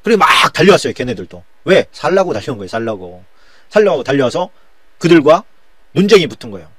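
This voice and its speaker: A man's voice: a little high, big pitch swings, fast, fairly bright tone, no echo. Man pastor teaching a Bible lesson. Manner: colloquial, rhetorical questions. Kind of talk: Bible study lecture.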